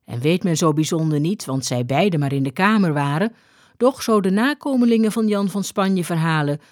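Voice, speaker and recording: A woman reading an old-fashioned story aloud in a measured, deliberate way. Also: lowish voice, animated, a little mellow, no echo, studio quality. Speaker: reader.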